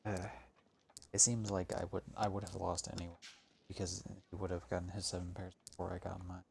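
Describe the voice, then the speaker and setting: Deep gravelly guy streaming a game, grumbly and sweary, faint noise and keyboard clicks behind. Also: little pitch movement, fairly quick, darkish tone. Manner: grumbling, swears often, thinks aloud. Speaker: gaming streamer. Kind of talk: casual gameplay commentary.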